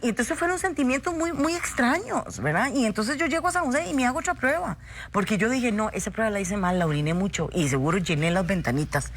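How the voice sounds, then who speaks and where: A woman, a theater actress telling personal stories as an interview guest, animated and acting out dialogue. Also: fairly high pitch, quick pace, slight background noise. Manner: animated storyteller, acts out dialogue, frequent "¿verdad?".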